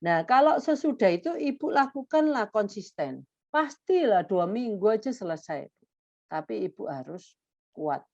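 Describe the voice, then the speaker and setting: A woman's voice: mid-range voice, lively intonation, measured pace, darkish tone, dry recording. Patient woman giving parenting advice. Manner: patient, explanatory, addresses parents directly. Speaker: child therapist answering parents' questions. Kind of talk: conversational advice talk. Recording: dull, muffled sound.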